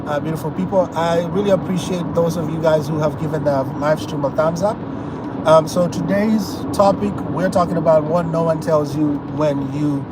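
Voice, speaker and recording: A man's voice: on the high side, fairly even intonation, normal speed, recorded from a distance. A middle-aged Kenyan man chatting on a livestream from his car, rambling with lots of fillers. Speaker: vlogger. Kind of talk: casual livestream talk. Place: in a car on the road. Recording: loud road noise.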